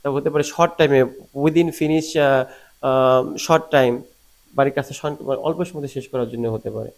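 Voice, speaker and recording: A man's voice: mid-range voice, steady tone, normal speed. A male teacher giving a video lesson from slides, explaining step by step with many fillers and acting out rising and falling questions. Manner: explains step by step, switching between Bengali and read-out English with many fillers; demonstrates rising and falling intonation on example questions. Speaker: English teacher.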